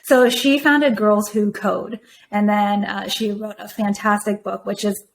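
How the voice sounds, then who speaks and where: A woman from Taiwan, a native Mandarin speaker, answering podcast interview questions in a measured, thoughtful way. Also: mid-range voice, fairly even intonation, gravelly, slight background noise. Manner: measured, thoughtful, with frequent fillers. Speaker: podcast guest, venture firm operator. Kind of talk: conversational interview.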